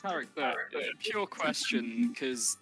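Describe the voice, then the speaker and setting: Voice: medium pitch, expressive, slow pace, music in the background. A British player with a sweary, casual way of talking while improvising in a tabletop game. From United Kingdom. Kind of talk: casual improvised role-play chat.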